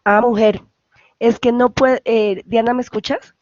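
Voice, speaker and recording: A woman's voice: fairly high pitch, steady tone, a little slow, a little mellow, no room sound, lo-fi sound. A woman with a Colombian Spanish accent, an English tutor patiently explaining grammar over a video call and often checking for questions. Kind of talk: online class explanation.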